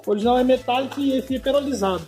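Brazilian man, very high voice, patient step-by-step explaining, echoey room, faint music. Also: rapid-fire, warm tone. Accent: Brazilian Portuguese. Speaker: custom painter. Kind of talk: casual explaining.

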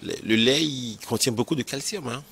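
A man's voice: mid-range voice, moderate pace, a bit bright, slight background noise. A man, a nephrologist explaining kidney stone prevention in a health interview, repeating key points and checking that he is understood.

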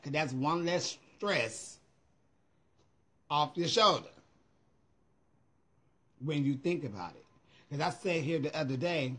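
A slightly high, somewhat bright, husky voice belongs to this middle-aged American vlogger. He chats casually on a home livestream from his phone at arm's length, emphatic, sassy, and full of profanity.

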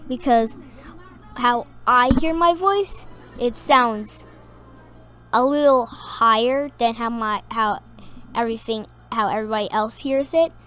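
High-voiced woman rambling over gameplay. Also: a little slow, fairly bright tone, clear, resonant tone, faint music behind. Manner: rambling, hesitant, many ums. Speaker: gaming video creator. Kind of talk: casual gameplay commentary.

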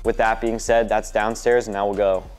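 A man's voice: fairly low pitch, little pitch movement, normal speed, over loud music. A man in his twenties with an American accent, hosting a casual, informal tour vlog indoors. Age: 20s. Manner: informal, mildly profane. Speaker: host giving a warehouse tour. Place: large concrete warehouse and upstairs office, indoors.

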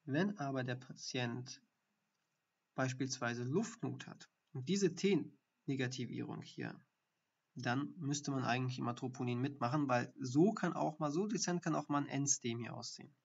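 A man's voice: mid-range voice, moderate pace, creaky, slightly rough. A man, a doctor, talks through ECG findings in a live-streamed lesson, explaining step by step and thinking aloud with fillers. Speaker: doctor teaching ECG reading. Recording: dull lo-fi stream audio.

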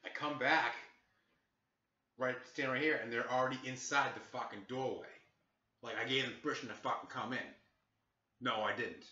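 Exasperated male vlogger, cursing rant, bright sharp voice, roomy and muffled. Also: medium pitch, moderate pace, long pauses. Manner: heavy swearing, exasperated. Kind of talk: angry storytelling rant. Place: small apartment. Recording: echoey, distant, dull-sounding room mic.

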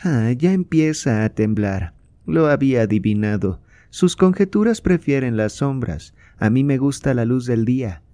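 A man's voice: mid-range voice, lively intonation, moderate pace, warm tone, no echo, pitched above the performer's own voice, natural voice. A man reading aloud, voicing a proud and indignant queen with a raised, fervent, declamatory delivery.

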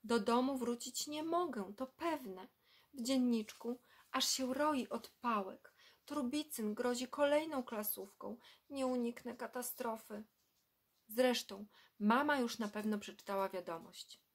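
A woman's voice: on the high side, a little slow. A woman voicing a young runaway schoolboy, glum and scheming, in a read-aloud storybook.

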